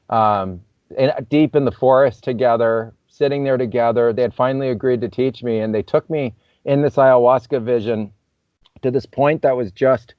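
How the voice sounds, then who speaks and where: Slightly muffled and dull, with no echo, this recording features a medium-pitched man speaking as a podcast guest. He tells a story conversationally, reflective and loose, with plenty of "you know" fillers.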